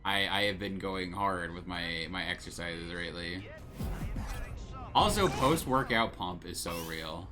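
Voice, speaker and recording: A man's voice: low voice, a little slow, music in the background. A man streaming a video game and chatting casually in a rambling, profane way. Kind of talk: casual gameplay commentary.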